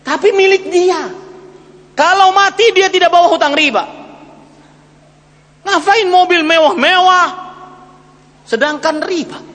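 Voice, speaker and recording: 40s guy preaching, super high bright voice, goes loud then hushed, echoey hall. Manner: emphatic, rhetorical questions, swings between loud and hushed. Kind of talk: sermon.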